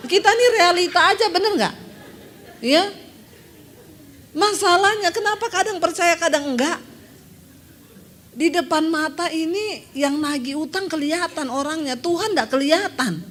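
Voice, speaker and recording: Lively higher-pitched woman preaching. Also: slight background noise. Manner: lively, chatty, laughs often, calls out to congregation. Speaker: pastor. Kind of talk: sermon with personal storytelling.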